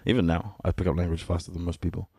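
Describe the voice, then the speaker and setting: Low and gravelly, this man talks very fast in a relaxed, candid way, laughing often, in a dry, studio-quality recording. He's a musician guest on a casual podcast, born in Sudan and raised in New Zealand, whose first language is Ethiopian.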